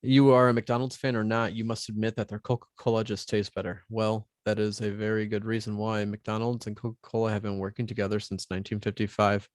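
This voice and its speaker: A man's voice: on the low side, flat delivery, no room sound. Joking podcast co-host man, dry sound. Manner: joking, swears, quick agreeing interjections. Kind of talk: casual chat.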